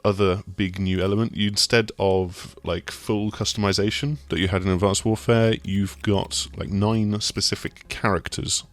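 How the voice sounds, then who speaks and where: Deep-voiced man chatting casually. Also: moderate pace, hardly any pauses, no echo. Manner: relaxed, rambling explanations with many fillers and restarts. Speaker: games journalist co-host. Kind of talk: casual gaming discussion.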